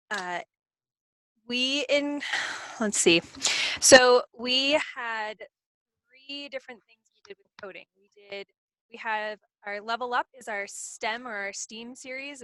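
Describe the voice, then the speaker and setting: A woman's voice: fairly high pitch, measured pace, a bit bright, no room sound, low-quality recording. A woman librarian speaking as a guest on a video call, chatty and modest. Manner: modest, chatty, laughs easily. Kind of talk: casual video call talk.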